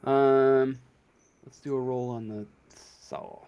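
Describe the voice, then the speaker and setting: A man serves as game master for a relaxed tabletop game, improvising narration slowly and haltingly at a middling pitch in a steady, warm tone. The recording has its highs cut off and a slight background noise.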